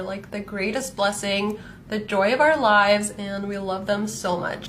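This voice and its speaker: A woman's voice: medium pitch, a bit bright, slight background noise. A woman of twenty-five, from Canada by way of Palestinian roots, chatting casually about her life while doing her makeup, with lots of "like" fillers. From Palestinian, born in Saudi Arabia, raised in Canada. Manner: chatty, frequent "like" fillers, light laughs. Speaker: fashion content creator. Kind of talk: casual get-ready-with-me storytelling.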